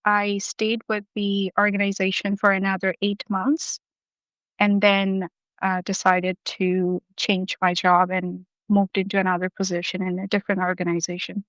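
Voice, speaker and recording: A young woman from Bangladesh talks as an interview guest, thinking her way through answers with plenty of ums and uhs. Her voice is smooth and clean at a middle pitch. The recording is dry and a bit dull. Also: monotone, moderate pace, fairly bright tone, no echo. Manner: thoughtful, with frequent ums and uhs. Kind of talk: casual interview.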